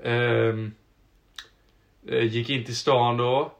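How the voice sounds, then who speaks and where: A young man co-hosting a casual podcast, telling stories in an animated way. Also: medium pitch, vocal fry. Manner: animated anecdote-teller. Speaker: podcast co-host.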